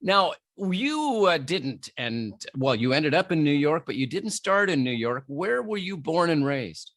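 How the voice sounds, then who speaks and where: A man's voice: fairly high pitch, big pitch swings, a little slow, a bit bright, dry recording. A man hosting an interview podcast, talking in a friendly, earnest way with many restarts. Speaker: podcast host.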